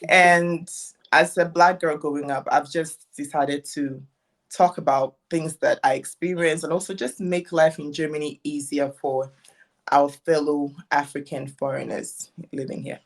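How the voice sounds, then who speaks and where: A woman's voice: sits low, fairly even intonation, measured pace. A young woman from Ghana, a guest sharing her story in a casual interview, thoughtful and rambling. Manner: reflective, rambling with restarts. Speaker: guest content creator.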